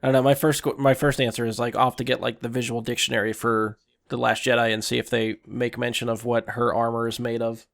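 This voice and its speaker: A man co-hosting a casual podcast chat, loose and profane and quick to laugh. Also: medium pitch, flat delivery, vocal fry, fairly bright tone.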